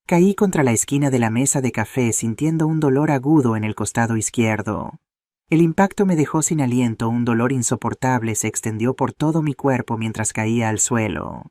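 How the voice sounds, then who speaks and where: A man reading a dramatic first-person story in steady narration. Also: medium pitch, moderate pace, no echo.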